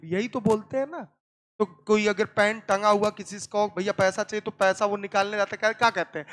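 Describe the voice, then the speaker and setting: A man's voice: extremely high pitch, pushed and bright. A male biology teacher lecturing a classroom, repeating terms and asking students again and again whether they understood. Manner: keeps quizzing the class with repeated questions; calls students "beta".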